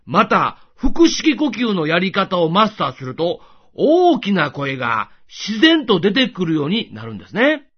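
A man with a notably high, very animated voice gives a scripted devotional talk, explaining things gently and patiently. The recording sounds dull and somewhat lo-fi. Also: a little slow, few pauses, slightly rough.

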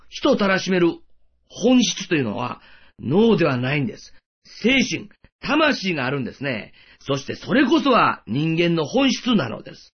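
A male preacher gives a sermon in a high, lively voice that swings up and down. His tone is a little husky. The recording sounds dull and lo-fi. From Japan. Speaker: pastor.

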